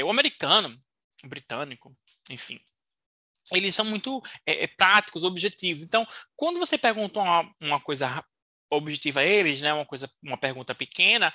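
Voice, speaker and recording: A woman teaches an online English lesson, playful and teasing but encouraging. Her voice is bright and forceful, sitting slightly low, and she slows down to model phrases clearly. The recording is close and dry, with no room sound. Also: big pitch swings, no room sound.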